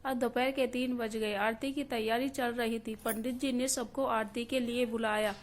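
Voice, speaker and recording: A woman reads a family story aloud in a steady, scripted narrating voice. Her pitch sits a little high and barely moves, so the telling stays level and even throughout. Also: normal speed.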